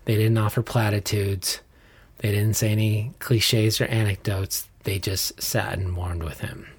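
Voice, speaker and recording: A man's voice: on the low side, little pitch movement, unhurried, husky. A man with an American accent, co-hosting a podcast in a conversational style. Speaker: podcast co-host.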